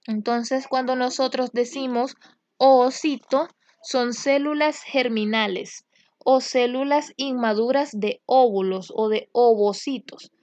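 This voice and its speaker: A woman's voice: a little high, fairly even intonation, slow pace, darkish tone, no echo. A young adult woman teaching medical word roots in a casual spoken lesson, repeating terms and stretching key words as she explains.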